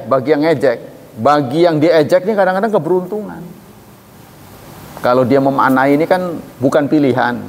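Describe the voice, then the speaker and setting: Lively preacher in a reverberant hall. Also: male voice. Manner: recites Arabic then explains, animated jumps in pitch for quoted voices. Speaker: Islamic preacher. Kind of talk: religious lecture. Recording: reverberant hall, faint noise.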